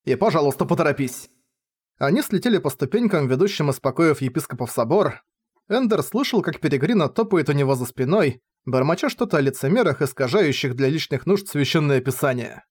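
A man narrating an audiobook in a steady storytelling manner. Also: fairly high pitch, husky. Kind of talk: scripted narration.

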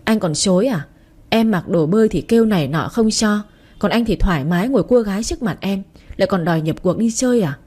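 A woman's voice: medium pitch, expressive, a little fast, a little mellow, slightly rough. A woman reading a sulky jealous young wife. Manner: pouting, complaining. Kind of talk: audiobook character reading.

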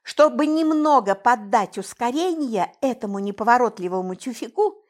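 A woman narrating an audiobook in the first person, lively and expressive. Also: a little high.

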